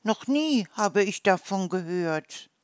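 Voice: mid-range voice, lively intonation, slow, clear, resonant tone, dry recording, studio quality, voice pushed up. Ein Vorleser spricht einen kleinen, neugierigen Igel. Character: small curious hedgehog, naive and friendly.

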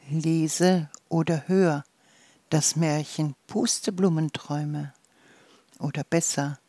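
A storyteller reading a calm guided fantasy journey and fairy tale in a soft, soothing manner. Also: medium pitch, dry recording.

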